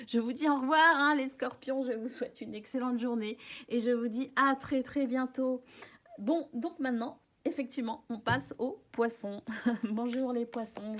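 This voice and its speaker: A woman gives a casual tarot reading in a fairly high voice. She talks gently and reassuringly, and her sentences are full of small hesitations. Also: slight background noise. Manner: gentle, reassuring, frequent fillers and soft laughs. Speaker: tarot reader.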